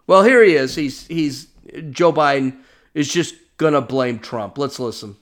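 A man's voice: mid-range voice, lively intonation, unhurried, fairly bright tone. A man hosting a political commentary podcast, talking in an emphatic, indignant way and often repeating himself. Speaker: podcast host.

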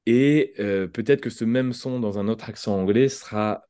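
A French man with a low, mellow voice explains pronunciation ideas in an unhurried conversational way, often restarting a phrase as he thinks. The sound is close and dry, with no room around it. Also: clean tone, dry recording. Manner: thoughtful, explains with examples and restarts. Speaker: podcast guest, language entrepreneur. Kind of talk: conversational interview.

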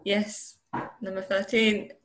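Speaking slowly and earnestly over a video call, a young woman from Iran answers questions as the guest in a candid interview. Her voice sits in the mid range with little change in pitch, and she frequently repeats words and starts sentences over.

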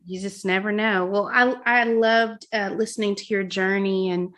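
A woman's voice: medium pitch, steady tone, moderate pace, fairly bright tone. A woman in her thirties hosting a podcast, encouraging her guest and asking questions in a casual, supportive way. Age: 30s. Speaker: podcast host.

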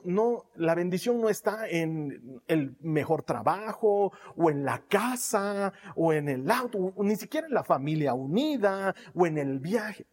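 Husky-voiced preacher in an echoing hall. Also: male voice, a little high. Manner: fervent, repetitive preaching that drops to soft, intimate tones. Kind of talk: sermon. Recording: reverberant hall.

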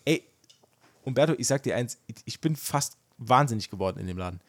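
A young adult man co-hosts a casual podcast chat, telling a story with lots of energy and acting out the dialogue. His medium-pitched voice is animated and brisk, with no echo.

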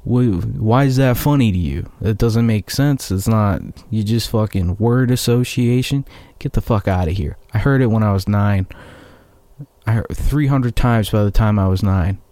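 Low, mellow-voiced sarcastic young man. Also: normal speed, dry recording. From United States. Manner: profane, sarcastic, rambling. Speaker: musician. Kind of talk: casual monologue.

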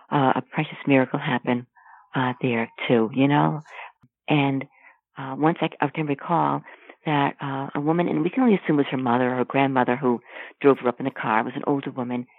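A woman with a very low, gravelly voice tells what she has seen while counseling outside a clinic. She speaks earnestly and restarts her sentences often. Her voice comes through a tinny, phone-like line with a dry, close sound. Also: steady tone, dry recording. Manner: earnest, with frequent halting restarts. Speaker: pro-life sidewalk counselor. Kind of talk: recounting experiences in conversation.

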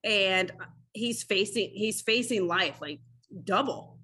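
A woman's voice: medium pitch, slow pace, slightly rough. A woman in her thirties, a former defense attorney, telling stories in a casual interview, acting out quotes with lots of "like". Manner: animated storyteller, acts out quotes, many "like"s.

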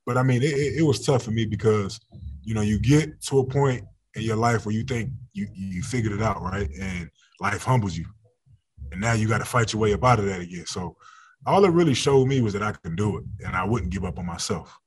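This guest, a thirtysomething footballer, talks openly in a relaxed interview, laughing a lot and starting phrases over. He speaks briskly in a fairly low voice with a breathy edge.

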